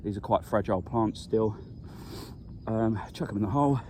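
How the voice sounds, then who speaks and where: A man, a vegetable grower chatting casually through a farm vlog, relaxed and explaining things as he works outdoors. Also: lowish voice, moderate pace, a little hiss or hum.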